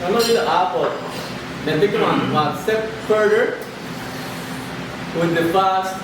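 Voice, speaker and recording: Male podcast host, high-pitched, informal group chat, far from the mic with clear background noise. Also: a little slow. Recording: echoey room, distant mic, noisy background.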